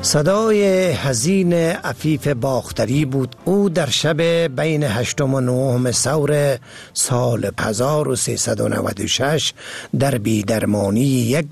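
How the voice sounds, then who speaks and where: Husky, gravelly male narrator. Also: mid-range voice, darkish tone, dry recording. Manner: somber, informative. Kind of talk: documentary narration.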